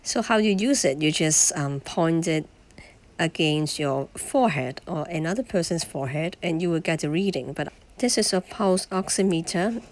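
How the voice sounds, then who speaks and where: Hoarse woman, lowish voice, plain explainer for a home vlog. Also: lively intonation, normal speed. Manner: plain, explanatory, demonstrating items. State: hoarse sick voice. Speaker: vlogger. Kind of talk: home video narration.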